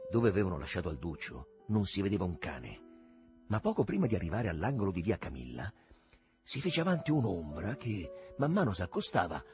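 A middle-aged man reading a novel aloud in an expressive storytelling manner, recorded close. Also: on the low side. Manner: expressive, acts out the dialogue. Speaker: narrator.

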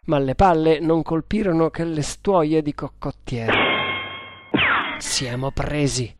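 A man giving a dramatic, measured reading of an adventure novel as narrator. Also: on the high side, heavy background noise. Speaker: audiobook narrator. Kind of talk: scripted narration.

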